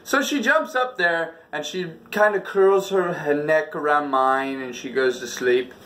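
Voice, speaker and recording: A man with a slightly high, fairly bright voice speaks a little slowly while hosting an animated comedy storytelling video. He leans into exaggerated, theatrical delivery, with acted reactions and sound effects woven through his personal tales.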